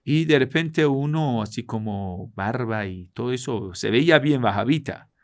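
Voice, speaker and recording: Man giving a lively religious lecture. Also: mid-range voice, unhurried. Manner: lively storytelling, swings between loud emphasis and quiet asides. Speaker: Islamic cleric and teacher.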